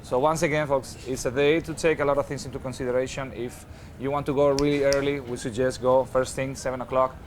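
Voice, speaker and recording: A man's voice: mid-range voice, little pitch movement, fairly quick, slight background noise. A man from Spain with a Spanish accent, hosting a ship's daily show as an upbeat, chatty cruise director. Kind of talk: unscripted show presenting.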